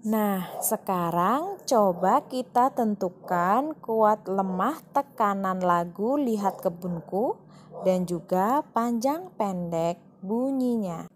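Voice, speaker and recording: A woman's voice: mid-range voice, animated, slow. A woman teaching a primary school class in a recorded online lesson, explaining patiently and reading examples aloud with feeling.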